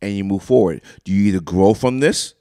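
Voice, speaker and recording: A man's voice: fairly low pitch, fairly quick, warm tone, dry recording, studio quality. A man co-hosting a casual sports podcast, talking straight to his listeners with hyped-up energy. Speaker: podcast co-host. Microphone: studio microphone.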